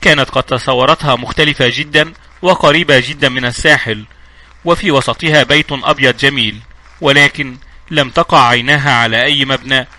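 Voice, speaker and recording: A man narrating a novel aloud as an audiobook, in a brisk storytelling manner with small slips and restarts. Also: medium pitch, bright, forceful tone.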